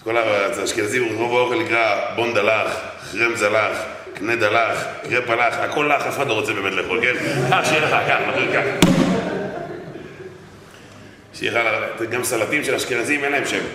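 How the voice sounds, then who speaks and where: A man preaching a humorous sermon with parables, animated and joking, addressing the audience directly. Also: on the low side, recorded from a distance, crowd noise. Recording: echoey hall, faint noise.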